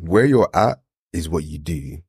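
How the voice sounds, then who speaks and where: A young man with a London roadman accent speaks earnestly and deliberately in slangy, casual motivational chat. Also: low voice, expressive, darkish tone, slightly rough, no room sound, clean studio sound. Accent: London, urban street slang.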